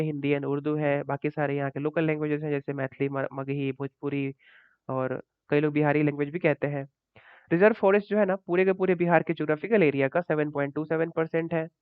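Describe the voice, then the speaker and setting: This man teaches current affairs for exams using slides, with a slightly high, clear, resonant voice. The recording is tinny, phone-like, and dry with no room sound, and he keeps it conversational, repeating points and adding "ठीक है" checks.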